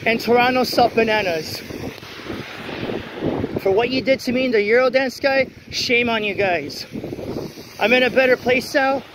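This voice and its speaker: A high-pitched man talks into a handheld phone as he walks a rainy street at night. His delivery is blunt and ranting, full of restarts, with faint wind and rain noise around him. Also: normal speed, pauses often. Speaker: vlogger. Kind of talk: walk-and-talk vlog rant. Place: outdoors on a wet city street at night in the rain. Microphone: phone held while walking.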